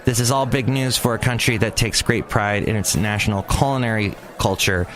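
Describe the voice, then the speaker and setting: Recording his podcast outside near a cafe, a man with a lowish, fairly quick, slightly bright voice rambles through opinionated news commentary, tripping over words. Traffic and city ambience fill the outdoor street noise around him.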